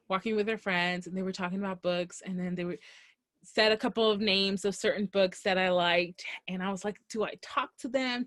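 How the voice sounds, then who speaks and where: Young woman, casual storytelling, animated quoting, dry close sound. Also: medium pitch, no echo. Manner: animated, acts out quoted dialogue. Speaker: podcast co-host. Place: Los Angeles area.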